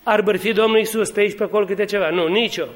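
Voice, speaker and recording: A man preaching a sermon, telling humorous stories and building to fervent exhortation. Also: sits high. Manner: lively, humorous storytelling that rises to fervent exhortation.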